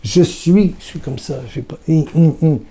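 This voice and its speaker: Mellow-voiced man giving a hesitant devotional talk. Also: on the high side, normal speed. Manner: hesitant, repeats words, speaks intimately to the listener.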